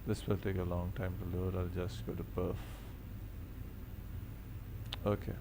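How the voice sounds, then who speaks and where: A man's voice: low voice, level tone, a little fast, background noise. A man streaming a flight simulator, casually talking himself through each step as he goes. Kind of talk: casual live commentary on own gameplay.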